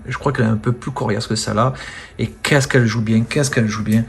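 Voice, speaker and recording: A man chatting casually about films from his collection, full of fillers, often trailing off softly at the ends of phrases. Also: mid-range voice, fairly even intonation, fast, gravelly, breathy edge. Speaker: film collector presenting his steelbooks. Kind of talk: casual unboxing-style chat.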